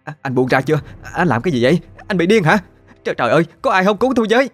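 A man voicing a timid, frightened young wife, shrill and stammering. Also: expressive, quick pace, darkish tone, faint music behind, close to an everyday voice.

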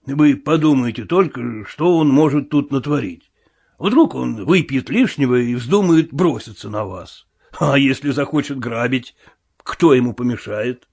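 A man voicing a talkative, grumbling old sailor who is quick to anger. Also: medium pitch, vocal fry, a little mellow, husky, pitched below the performer's own voice. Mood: grumbling gossip.

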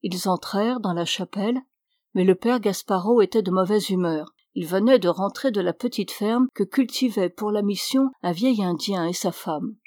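A woman's voice: medium pitch, normal speed, darkish tone, dry recording, studio quality. Woman reading an audiobook. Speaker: audiobook reader. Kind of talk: scripted narration.

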